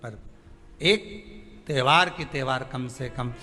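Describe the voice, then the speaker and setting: A man's voice: mid-range voice, slow pace, sharp tone. A man preaching a devotional sermon, pleading and impassioned, asking one rhetorical question after another. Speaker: religious storyteller preacher. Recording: long hall reverb with faint music.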